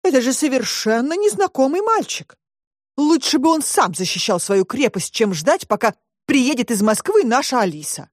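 A woman's voice: high-pitched, very animated, normal speed, no room sound, pitched above the performer's own voice. A fussy, worried old grandmother from a storybook, voice rising in dismay. A woman reader voices her close to her own voice. The sound is dry and near. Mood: aghast. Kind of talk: audiobook reading.

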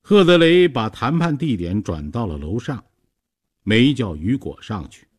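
Husky-voiced male storytelling narrator. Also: medium pitch, big pitch swings, a little slow.

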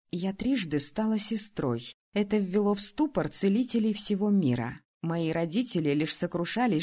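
A woman narrating a first-person romance story in an expressive, steady reading voice. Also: lowish voice. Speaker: audiobook narrator.

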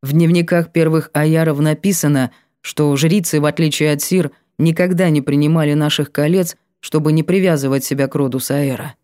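A woman narrating a fantasy audiobook, reading calmly and evenly at a measured pace. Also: deep voice, no echo, studio quality.

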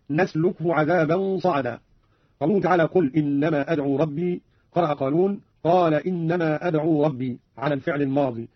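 A man with a slightly raised, husky voice reads formal notes on Quran recitation at a very fast pace. He enunciates each word clearly. The sound is dry and muffled, like an old radio broadcast. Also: fairly high pitch, no echo. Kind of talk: formal scripted explanation.

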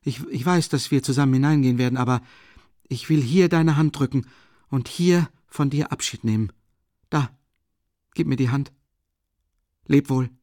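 A male reader gives us a feverish, distraught young man, his voice pushed well above the narrator's own and wavering with weakness. Lines come halting and strained, rising as his agitation grows, in a dry, close studio sound. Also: mid-range voice, dark tone, dry recording, voice pushed up, close to an everyday voice. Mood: tense farewell. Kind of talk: audiobook character reading.

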